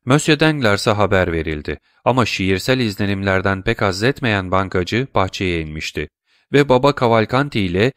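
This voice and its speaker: A man reading a classic novel aloud in steady audiobook narration. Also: on the low side, moderate pace, dry recording, studio quality.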